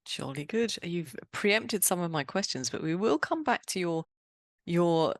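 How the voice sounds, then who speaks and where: Low-voiced English woman hosting a podcast. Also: animated, a little slow, dry recording, clean studio sound. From England. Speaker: podcast host. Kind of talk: podcast talk and interview.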